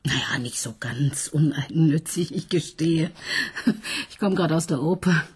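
With a low, slightly rough, somewhat mellow voice and an exaggerated delivery, a woman plays a female police detective in a radio play at a slightly slow pace. The inspector is ironic and coaxing, teasing and mocking, and she frequently whispers.

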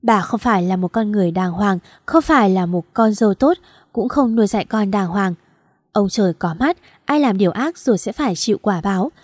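Woman narrating a family drama audiobook, steady storytelling, dry close voice. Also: mid-range voice, brisk, dry recording.

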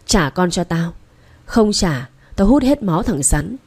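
A woman's voice: on the low side, sing-song, a little slow, a little mellow, slightly rough, full character voice. A woman reading aloud voices a vengeful female ghost who menacingly demands her child back. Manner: menacing, threatening.

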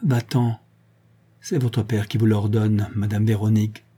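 Man doing wounded Breton maid, stammering, urgent, low dark storybook voice. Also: flat delivery, a little slow, breathy edge.

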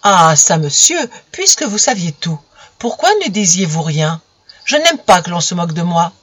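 A narrator voicing a young woman, jealous and indignant, who fires sharp accusing questions in an audiobook. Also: medium pitch, very animated, moderate pace, no echo. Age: young adult. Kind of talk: audiobook character voice.

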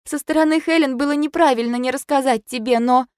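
A woman's voice: high-pitched, a little fast, a little mellow, dry recording, studio quality, voice pushed up, natural voice. A woman reading an audiobook, voicing a young woman who pleads tearfully and stammers. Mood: pleading, tearful.

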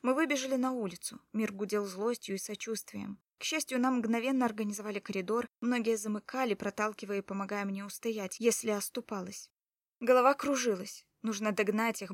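A woman's voice: medium pitch, no room sound. A woman reading a first-person story aloud in an emotional, urgent way. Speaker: narrator. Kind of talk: first-person audiobook narration.

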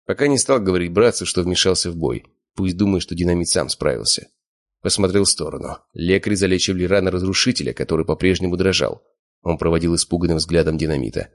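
Man, very deep voice, steady first-person audiobook narration, smug tone. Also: fast. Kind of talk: scripted narration.

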